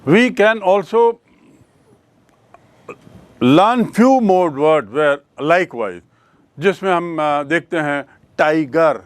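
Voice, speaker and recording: A male teacher leads a grammar lesson at a very unhurried pace, asking questions and answering them himself. His voice sits somewhat high for a man, and he spells words out letter by letter. The recording is dry and close. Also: dry recording. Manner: explains in Hindi mixed with English, repeats questions and spells words letter by letter.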